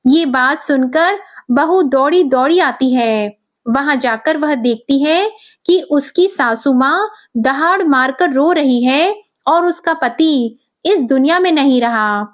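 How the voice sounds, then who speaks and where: A woman narrates a devotional folk tale with a high voice. Her reading is slow and measured, and each sentence is laid out carefully. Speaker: storyteller.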